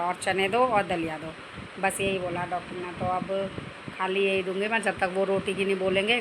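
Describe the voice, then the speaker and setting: A middle-aged woman and mother chatting casually to viewers from her home kitchen, repeating herself and calling them guys. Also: mid-range voice. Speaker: vlogger, mother. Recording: noisy home phone recording.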